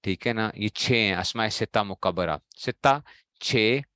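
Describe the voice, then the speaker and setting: Slow, clear-voiced male grammar teacher. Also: fairly low pitch, sharp tone, no echo, studio quality. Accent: Pakistani Urdu. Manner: drills students with repeated questions and answers. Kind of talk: classroom lecture.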